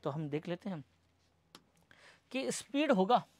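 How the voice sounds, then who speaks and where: Unhurried yet very animated, a man with a high voice gives a classroom lecture where he asks and answers his own questions, mixing English terms into the explanation and repeating each point that way. He addresses the students as "bhai sahab," in a clean studio recording with no echo.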